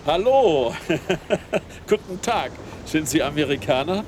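A talkative, over-friendly American tourist in a radio play. His voice sits a touch high and swings up and down a lot. Clear outdoor noise runs behind him. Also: expressive, takes it slowly. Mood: jovial. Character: chatty middle-aged American tourist man.

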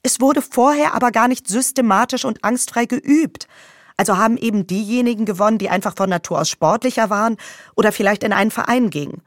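A woman's voice: on the high side, brisk, dry recording, studio quality, lightly acted. A woman playing an indignant, wounded narrator in a scripted radio essay, given to rants that build from reflection to outrage. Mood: agitated, indignant. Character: indignant grown woman still wounded by school sports. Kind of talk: scripted first-person radio essay with dramatic dialogue.

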